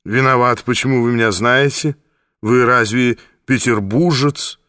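A man's voice: mid-range voice, steady tone, unhurried, pushed and bright, clear, resonant tone, dry recording, clean studio sound. A man voicing a lyrical, dramatic former stage actor who lingers over his words. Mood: theatrical wistful. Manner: theatrical, lingering.

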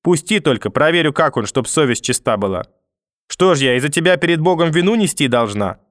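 A man's voice: a little high, expressive, fairly quick, fairly bright tone, no echo, studio quality. Man playing a hysterical cursing old grandmother. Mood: moaning cursing. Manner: wailing, pleading then cursing through a door. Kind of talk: audiobook reading.

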